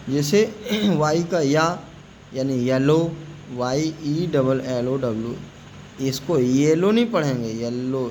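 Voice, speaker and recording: A man teaching English pronunciation, slowly spelling out words letter by letter and repeating them. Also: fairly high pitch, a little hiss or hum, poor audio. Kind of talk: spoken classroom-style lesson.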